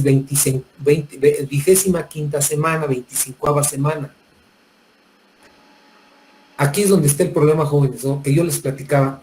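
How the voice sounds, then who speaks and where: Mexican guy teaching med school, kinda high voice, loose and chatty, keeps restarting words. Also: darkish tone, a little hiss or hum, low-quality recording. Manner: colloquial, addresses students directly, repeats and restarts words. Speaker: medical school professor. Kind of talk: classroom lecture with anecdotes.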